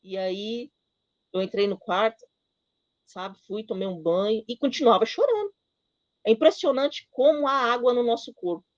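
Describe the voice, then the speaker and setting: A middle-aged woman giving a personal testimony at church, telling her story with emotion and halting with many fillers. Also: fairly high pitch, no room sound, dull audio.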